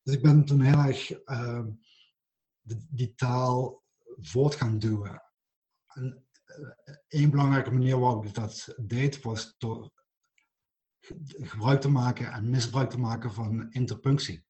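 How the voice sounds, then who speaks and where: A man, a writer, talking reflectively in a slow, halting way, stuttering and restarting often. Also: mid-range voice, fairly even intonation, warm tone. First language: not English; writes in English. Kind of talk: reflective conversation.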